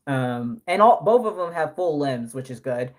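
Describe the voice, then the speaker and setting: A man's voice: fairly high pitch, lively intonation, normal speed. A man in his early twenties chatting casually on a live stream, rambling with many fillers and self-corrections. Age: early 20s. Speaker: live streamer and doll artist.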